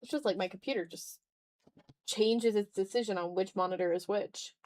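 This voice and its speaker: Her voice sits in the mid range with a darkish tone, moving at a moderate pace. She's a streamer drawing live, keeping up casual chatter and muttering to herself now and then.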